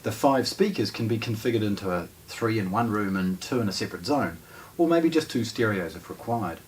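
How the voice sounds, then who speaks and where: Presenting for a hi-fi shop, a New Zealand man in his forties with a fairly low voice does a casual, explanatory unboxing, breaking off mid-sentence at times. The distant mic picks up noticeable background noise in a room lined with disc shelves and a wooden table.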